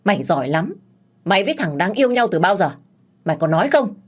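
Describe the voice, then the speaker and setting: A furious middle-aged father, voiced by a woman narrator, barks harsh commands at his daughter in an audiobook story. The voice sits fairly low and cuts hard. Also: lively intonation, brisk.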